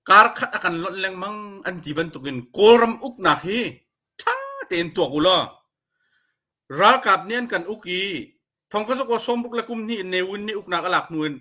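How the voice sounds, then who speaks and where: A man giving an informal educational talk on a community livestream, deliberate and dropping English terms into his speech. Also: high voice, pushed and bright. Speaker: speaker at a community support livestream.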